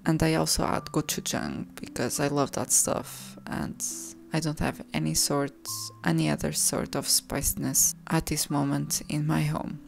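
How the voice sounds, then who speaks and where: A woman calmly narrating her home cooking video, soft and unhurried, sometimes correcting herself mid-sentence. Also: deep voice, gravelly. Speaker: cooking vlogger. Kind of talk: calm voice-over narration. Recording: voice-over with soft background music.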